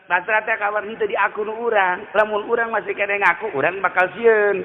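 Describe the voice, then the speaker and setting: A man with a Sundanese accent preaching a sermon in lively storytelling style, joking and dropping from loud calls to hushed asides. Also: high voice, a little fast, long reverb tail, phone-quality sound.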